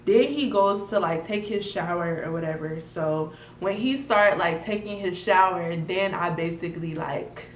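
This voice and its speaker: A young woman vlogger telling a story in casual, slangy chat, jumping from loud outbursts to low mutters. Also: normal speed, few pauses, far from the mic. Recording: roomy, off-mic with faint noise.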